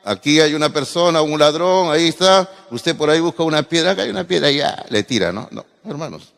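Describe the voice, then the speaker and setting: A Peruvian pastor with a Peruvian accent preaches with force, rising to loud exclamations and dropping to quiet asides. His voice sits a little high for a man. The sound carries the long reverb of a church hall. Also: expressive, brisk, vocal fry. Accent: Peruvian Spanish. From Peru. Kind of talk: sermon. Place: church sanctuary.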